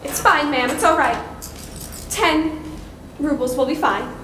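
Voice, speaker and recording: A woman's voice: sits high, measured pace, a crowd in the background. A woman playing a timid young governess on a stage, answering in a meek, deferential way, recorded in an echoey hall. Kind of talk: stage play performance. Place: school stage before an audience. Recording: echoey hall with faint ambience.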